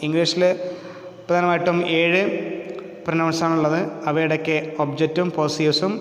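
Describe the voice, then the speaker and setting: A male English teacher, reading English phrases slowly and explaining them quickly in Malayalam. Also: on the high side. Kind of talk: bilingual grammar lesson. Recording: echoey room with long reverb.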